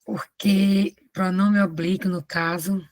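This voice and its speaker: A woman's voice: medium pitch, level tone, takes it slowly, a little mellow, dry recording. A woman student in a class, asking questions hesitantly from away from the microphone. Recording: speaking from farther off the mic.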